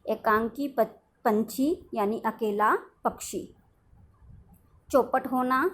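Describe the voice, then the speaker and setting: A woman teacher, giving a lesson to a primary school class, reading out words one by one and explaining them. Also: a little high. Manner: slow, dictating words one at a time with explanations.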